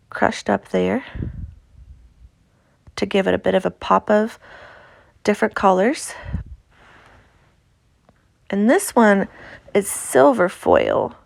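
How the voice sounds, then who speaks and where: A woman's voice: medium pitch, vocal fry, dry recording, clean studio sound. A woman with an Appalachian accent talks through a craft tutorial in a casual, chatty, informal way. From Appalachia, United States. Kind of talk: casual instructional craft voice-over.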